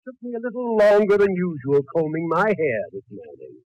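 A man's voice: sits high, wildly swooping pitch, a little fast, a little mellow, dry recording, lo-fi sound, exaggerated voice. A man playing a grumbling, wisecracking older uncle in a 1940s radio comedy. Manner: dry, sarcastic quips.

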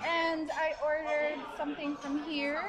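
Bubbly high-voiced young woman vlogging. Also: flat delivery, unhurried, music in the background. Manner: bubbly, addresses viewers directly. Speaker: pageant contestant vlogging. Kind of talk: casual vlog chat. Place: busy restaurant indoors. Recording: crowded restaurant chatter behind.

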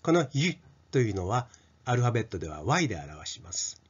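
A middle-aged man teaching pronunciation to children, stretching out each sound slowly as he demonstrates it, on a dull lo-fi recording. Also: mid-range voice, very animated, slightly rough. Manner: slow, drawn-out sound demonstrations. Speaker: English teacher.

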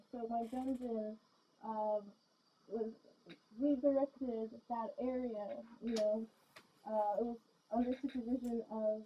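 A woman's voice: a little high, background noise. A woman chatting casually in a vlog while wearing a gas mask, rambling and giggly with many ums and restarts. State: talking through a gas mask. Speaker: vlogger.

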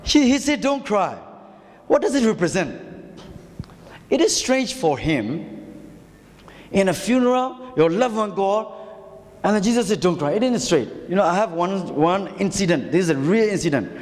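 High-voiced male pastor preaching. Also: expressive, a little mellow. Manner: halting, repetitive, asks rhetorical questions. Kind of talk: sermon. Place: church hall. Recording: long church hall reverb.

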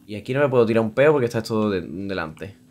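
A man's voice: on the low side, expressive, fast talker, a little mellow. A man from Spain streaming a game, joking crudely, swearing and chanting a vulgar singsong rhyme. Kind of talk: casual gameplay commentary.

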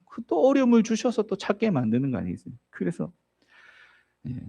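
Male pastor, sermon delivery: high and mellow voice, very lively intonation, storytelling with rhetorical questions. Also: fairly quick, creaky. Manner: asks the congregation rhetorical questions.

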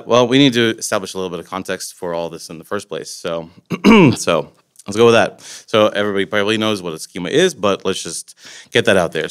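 Speaking into a podium microphone in a conference room, a man from Latvia in his forties delivers a relaxed technical talk. His lowish voice is smooth and a bit bright, and he rambles loosely with many filler words.

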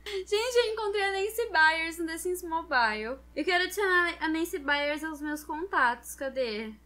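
Bright high-voiced young woman gamer. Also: expressive, normal speed. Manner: chatty, talks straight to viewers. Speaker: gaming channel host. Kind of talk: casual gameplay commentary.

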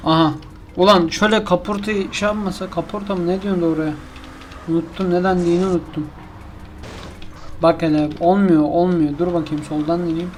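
Gaming commentator, male, higher pitch, frustrated self-talk, slight background hiss. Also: steady tone, fairly quick. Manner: exasperated, complaining, talks to himself and the game. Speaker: gaming YouTuber. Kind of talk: casual gameplay commentary.

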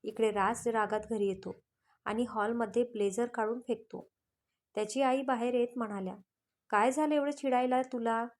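A woman's voice: fairly high pitch, steady tone, moderate pace. A woman narrating a scripted romantic story, reading every character's lines in her own voice. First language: Marathi.

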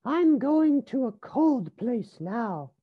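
A woman's voice: on the high side, sing-song, takes it slowly, breathy edge, narrow, tinny audio, voice pushed up, heavily acted. A woman voicing a playful, bossy and imaginative eldest little girl rabbit in a storybook, exclaiming and drawing out her words. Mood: adventurous.

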